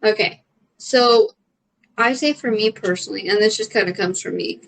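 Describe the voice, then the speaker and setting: A woman's voice: mid-range voice, moderate pace, vocal fry, poor audio. A young adult woman, a comedian, chatting casually as she answers questions, rambling with lots of fillers and casual swearing. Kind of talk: casual chat.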